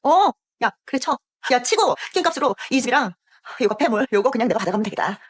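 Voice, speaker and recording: An actress voicing a greedy, cruel middle-aged aunt who yells with scorn in a dubbed TV drama. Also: female voice, animated, fast, slightly rough. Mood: scornful, shrill. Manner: shrill, scornful yelling. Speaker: aunt by marriage.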